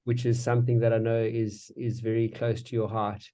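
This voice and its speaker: A man hosting an online meeting who introduces the speaker over a video call, talking in a halting way with small restarts. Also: mid-range voice, level tone, dark tone. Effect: heard over a video call. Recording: dull lo-fi video call audio.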